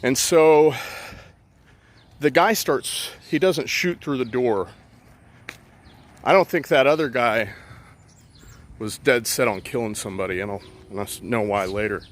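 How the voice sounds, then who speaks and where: A man's voice: medium pitch, measured pace, long pauses. A man casually telling a personal story outdoors, rambling and profane with many fillers.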